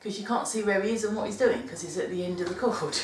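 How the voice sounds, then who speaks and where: With a mid-range voice and a quick pace, a British vlogger gives casual dog-care tips in her monthly video, chatty and rambling, often revising herself partway through. The far-off mic yields a roomy sound with slight background noise.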